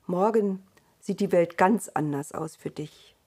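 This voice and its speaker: Low, unhurried God for a storybook, stern yet tender, read by a woman. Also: dark tone, husky. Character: God, a patient but stern creator.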